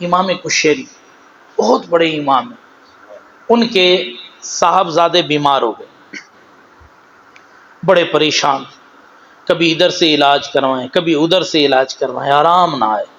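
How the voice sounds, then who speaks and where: A man with a Pakistani Urdu accent preaching a sermon, animated, moving between low storytelling and raised exhortation, and slowly drawing out Arabic phrases. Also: dull audio, slight background noise. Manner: slow, drawn-out recitation of Arabic phrases.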